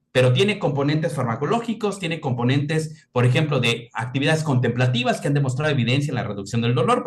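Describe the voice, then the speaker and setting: Casting: middle-aged man, lecturing, lively pitch, raised voice. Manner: animated, acts out quoted voices. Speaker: mental health speaker. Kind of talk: lecture-style talk.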